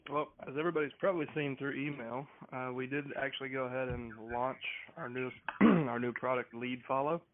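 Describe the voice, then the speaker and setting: A man speaks through a headset on a group phone call, and his audio buzzes, glitches and drops out in places. The line is thin and tinny, and his pitch stays flat and even. He stops and restarts his sentences often. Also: a little fast, few pauses. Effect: buzzy call audio that breaks up and glitches. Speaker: company representative on a conference call. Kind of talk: business update on a group call.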